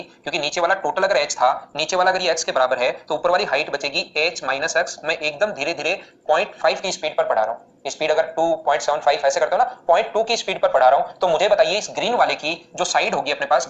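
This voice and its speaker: A man teaching maths in a live online class, explaining steps rapidly and repeatedly asking students questions. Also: fairly high pitch, a bit bright, lo-fi sound.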